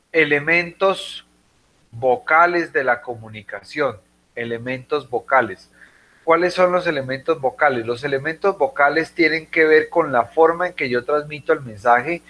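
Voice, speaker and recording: A man's voice: medium pitch, a bit bright. A man teaching a class, explaining patiently and checking in with his students often. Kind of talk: classroom lecture.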